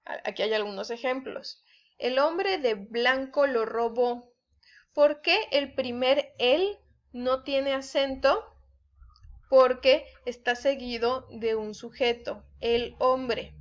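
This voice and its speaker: A woman explains spelling rules to her students at a very slow, careful pace. Her voice sits a little high, and she keeps checking in with the class as she acts out example sentences. The recording sounds dull and lo-fi. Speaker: teacher.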